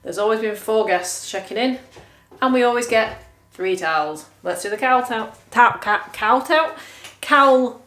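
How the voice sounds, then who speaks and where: A British woman in her thirties, a family travel vlogger, chats informally to a handheld camera held at arm's length in a small hotel room and bathroom. Her voice is on the high side and a bit bright, animated, at a moderate pace.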